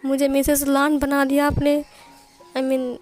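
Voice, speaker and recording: A woman's voice: high voice, completely flat delivery, slow pace, darkish tone, soft background music. A woman voicing a nervous, stammering young man caught in a mixed-up wedding, in a story reading. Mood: flustered. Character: young male bridegroom, anxious and flustered.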